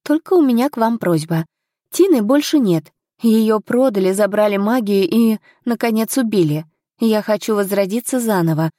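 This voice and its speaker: A woman's voice: mid-range voice, expressive, moderate pace, mellow, dry recording, studio quality, natural voice. A woman reading an audiobook, voicing a determined, polite young noblewoman of twenty in a raised, earnest voice.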